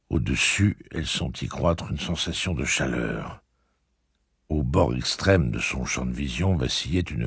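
Very deep husky male audiobook narrator. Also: no echo, clean studio sound. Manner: measured, steady storytelling.

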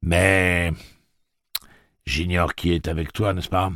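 Man doing a drawling, monotone intercom voice. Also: low-pitched, slow, no room sound, clean studio sound, pitched above the performer's own voice. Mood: sardonic.

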